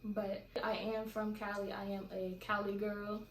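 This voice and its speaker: A woman's voice: mid-range voice, level tone, unhurried. Chatty young woman in an echoey room. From California, USA. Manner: chatty, rambling, slangy. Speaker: vlogger. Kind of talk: casual Q&A vlog. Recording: echoey room with faint background noise.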